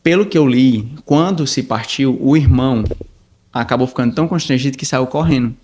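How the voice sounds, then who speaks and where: A man, a podcast guest telling a story in an animated, rambling way, with many restarts and quoted dialogue. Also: mid-range voice, fairly quick. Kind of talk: casual storytelling.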